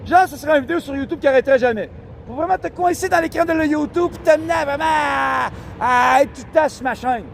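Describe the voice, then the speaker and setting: Québécois man, very high voice, rapid-fire street vlog rant, preachy and grandiose, outdoors downtown. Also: creaky, slight background noise. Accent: Québécois French. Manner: rambling, preachy, grandiose, frequent giggles. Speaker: vlogger. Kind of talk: rambling street vlog monologue.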